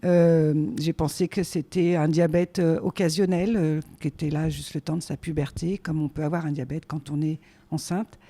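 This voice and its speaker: A woman in her forties, a guest on her son's show, talking casually and hesitantly with many filler pauses. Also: low voice, steady tone, warm tone. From France. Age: 40s. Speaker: guest, the host's mother. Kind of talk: casual conversation.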